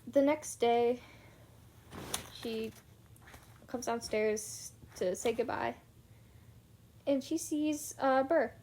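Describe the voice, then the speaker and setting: A woman's voice: a little high, extremely slow, long pauses, dark tone, a little hiss or hum. A young woman casually retelling a book's plot, chatty and full of "like" fillers. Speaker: book reviewer. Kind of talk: casual book recap.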